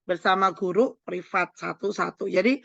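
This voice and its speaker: A woman doctor giving an online parenting seminar, lively and often acting out what parents say to children. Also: mid-range voice, normal speed, vocal fry, no room sound, muffled recording.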